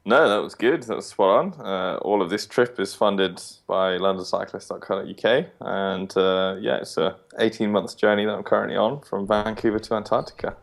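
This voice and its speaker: A man talking as a podcast guest, easygoing and friendly. His voice is low with a gravelly edge. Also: normal speed, few pauses. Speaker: interview guest. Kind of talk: casual interview answers.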